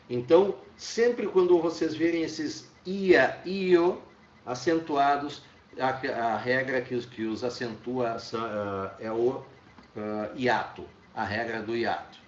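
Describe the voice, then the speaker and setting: A man's voice: medium pitch, recorded from a distance, slight background noise. A man with a Brazilian accent giving an online Spanish class, explaining with frequent "tá?" checks and restarts. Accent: Brazilian Portuguese. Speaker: Spanish teacher. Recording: echoey room, dull lo-fi sound.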